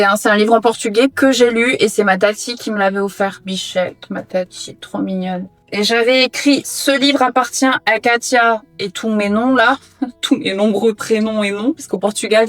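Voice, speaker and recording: A young woman with a fairly high voice talks casually to the camera while she tidies her own room at home. She chats on and pokes fun at herself. Soft music plays quietly behind her. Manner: chatty, self-mocking, talks to viewers while sorting books. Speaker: booktuber tidying her reading room. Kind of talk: casual vlog chat while tidying.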